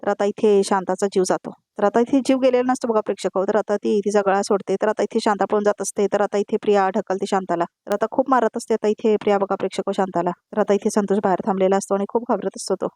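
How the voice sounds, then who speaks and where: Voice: mid-range voice, steady tone, quick pace, few pauses, a little mellow, dry recording, studio quality. A voice-over narrator retelling a TV serial episode, addressing viewers repeatedly and piling up scene descriptions.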